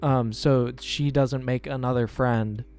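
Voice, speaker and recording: A young man in casual podcast talk, thinking out loud and stumbling over his words as he guesses at a plot. His voice sits at an ordinary pitch. Faint music plays underneath. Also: fairly even intonation, a little slow, clear, resonant tone. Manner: hesitant, speculative, full of restarts. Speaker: podcast co-host. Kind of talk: casual chat. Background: faint background music.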